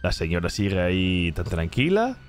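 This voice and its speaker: Animated man. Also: deep voice, normal speed. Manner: animated, bursts into exclamations and laughs. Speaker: reaction video host. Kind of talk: excited reaction commentary. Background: music from the video he is watching.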